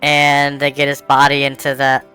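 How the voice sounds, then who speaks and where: Mężczyzna prowadzący grę fabularną jako mistrz gry, z głosem przepuszczonym przez filtr zmieniający go na kobiecy. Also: male voice, medium pitch, monotone, sharp tone, clear, resonant tone, soft background music, voice pushed up. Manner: unhurried, explaining rules and scenes. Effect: female voice changer filter. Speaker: game master. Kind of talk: narrating an online tabletop game.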